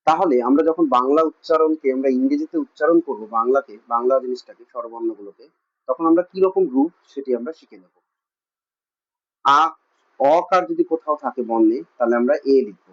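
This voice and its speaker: In a muffled lo-fi clip, a man teaches a classroom lesson briskly, his medium-pitched voice slightly rough. He speaks with a West Bengal Bengali accent, asking questions, answering them himself, and repeating a great deal.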